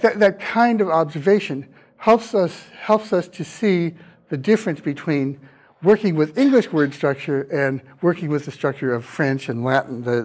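A man's voice: a little high, darkish tone. A man giving a university lecture, questioning his students and dropping dry wordplay jokes. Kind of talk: classroom lecture.

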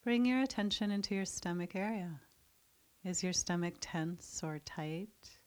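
Leading a mindfulness meditation, a woman speaks in a soft, soothing, slightly low voice with a clean tone. She talks very slowly, leaving long pauses between phrases.

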